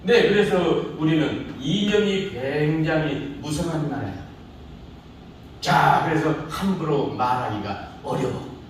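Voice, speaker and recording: A middle-aged man teaching speech takes it slowly, his slightly high voice full of lively intonation as he lectures casually and teases students with rhetorical questions. A little hiss or hum sits under the audio, which comes from far off in an echoey room.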